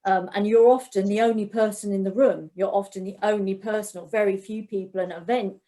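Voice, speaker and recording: A woman's voice: mid-range voice, steady tone, fairly quick, dark tone. A woman on a discussion panel giving reflective advice about confidence.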